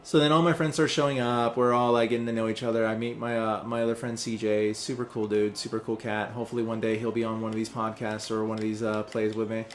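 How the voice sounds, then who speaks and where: A man's voice: on the low side, little pitch movement, quick pace, few pauses, a little hiss or hum. A young man hosting a let's play, chatting casually while he plays, rambling and distracted, with many fillers. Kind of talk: casual chat while playing a game.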